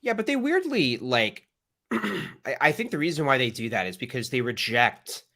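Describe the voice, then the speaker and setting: A man hosting a podcast, giving sarcastic, animated commentary and laughing often. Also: medium pitch, moderate pace. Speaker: podcast host. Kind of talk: casual commentary chat.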